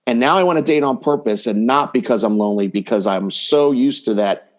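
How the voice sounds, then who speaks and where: A man with a medium-pitched, brisk voice appears as a dating coach guest on a conversational podcast. He explains his points by acting out hypothetical quotes.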